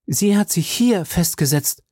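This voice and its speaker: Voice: medium pitch, animated, measured pace, mellow, no room sound, clean studio sound, pitched above the performer's own voice. A reader voicing a vain, boastful male musketeer who speaks pompously and pities himself in an audiobook. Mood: affronted. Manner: pompous, self-pitying. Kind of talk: audiobook character reading.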